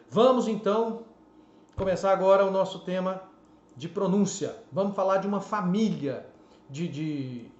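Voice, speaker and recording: A fairly high-voiced Brazilian man with a Brazilian Portuguese accent gives a casual online teaching lesson, punching out each example word and tagging his sentences with little checks. The sound is roomy and a bit dull, with faint ambience behind him. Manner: animated, stresses example words, frequent "né?" and "ok?". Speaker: English teacher.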